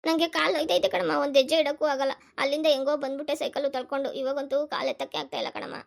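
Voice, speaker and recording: A woman voicing a hurt, defiant schoolgirl in a cartoon, with a high, whiny, tearful voice. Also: steady tone, quick pace, vocal fry. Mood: whimpering. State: crying. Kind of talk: cartoon voice acting.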